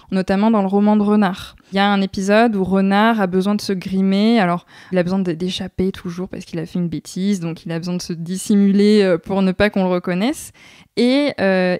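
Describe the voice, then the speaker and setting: Young woman explaining, mellow and dry. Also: medium pitch, no echo. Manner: thoughtful, frequent hesitations. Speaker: guest researcher. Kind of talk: explanatory interview answers.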